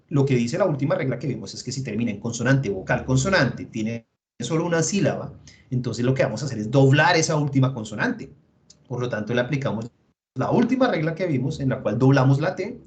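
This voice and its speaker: A man with a Colombian Spanish accent, teaching an English grammar class online and explaining each step patiently while thinking aloud. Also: mid-range voice.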